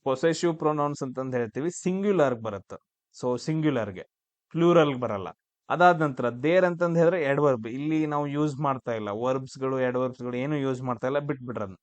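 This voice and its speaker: A man's voice: mid-range voice, brisk, no echo. A man teaching exam grammar, asking and answering his own questions. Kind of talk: classroom-style grammar lesson.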